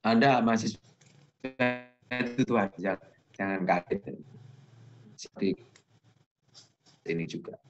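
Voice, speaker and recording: A middle-aged male university lecturer giving a relaxed online lecture, telling anecdotes and acting out conversations. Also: lowish voice, slow, pauses often, lo-fi sound, faint music behind. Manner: relaxed, tells anecdotes, acts out dialogue.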